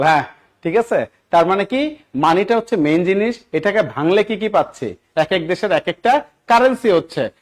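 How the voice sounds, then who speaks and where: Coaxing Bangladeshi grammar teacher, higher voice. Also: male voice. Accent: Bangladeshi Bengali. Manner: coaxing, repeats questions and checks understanding often. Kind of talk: live online exam-prep class.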